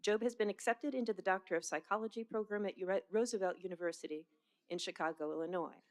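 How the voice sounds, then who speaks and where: A woman at a mid-range pitch introduces speakers at a commencement ceremony. She reads her announcements in a formal way, with small hesitations here and there. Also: fast. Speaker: commencement presenter.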